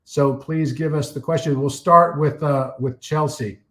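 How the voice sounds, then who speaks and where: A man giving a live talk and taking audience questions, telling stories full of fillers and restarts while his voice is getting a little hoarse. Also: on the high side, fairly even intonation, unhurried, a bit bright, reverberant. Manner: rambling storytelling with many fillers and restarts.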